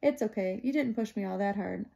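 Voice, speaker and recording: A woman's voice: medium pitch, brisk, vocal fry, dark tone. A woman reading aloud, voicing a stubborn, hot-tempered young country boy with defiant, ungrammatical speech. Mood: sheepish. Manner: defiant, drawling bad grammar.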